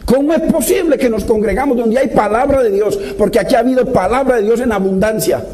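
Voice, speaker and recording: A man preaching a sermon, his voice pitched high yet dark and mellow in tone. He exhorts his listeners passionately, asking question after question and calling them to listen. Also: fast. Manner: impassioned, exhorting, repeated direct address.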